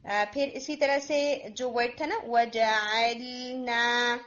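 A woman's voice: on the high side, steady tone, fairly bright tone, lo-fi sound. Patient woman teaching recitation over a call. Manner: patient, slows down to model each word. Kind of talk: online tajweed correction lesson.

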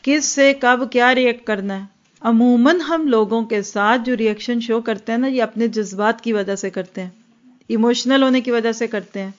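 Female religious teacher, earnest and explanatory, mid-high voice, dull lo-fi recording. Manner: earnest, explanatory, acts out quoted dialogue; mixes English words into her speech. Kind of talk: Islamic lecture.

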